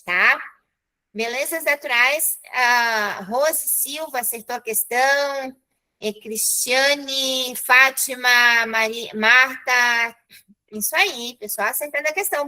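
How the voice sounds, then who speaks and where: A Brazilian woman teaches a class over a video call, her voice high and bright. She is chatty and encouraging and keeps checking in with the students as she goes. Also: poor audio. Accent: Brazilian Portuguese. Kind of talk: live online class.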